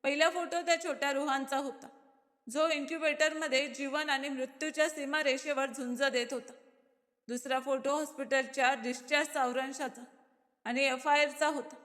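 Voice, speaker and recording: A woman reading a first-person story aloud in a steady, dramatic way. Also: sits high. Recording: long hall reverb.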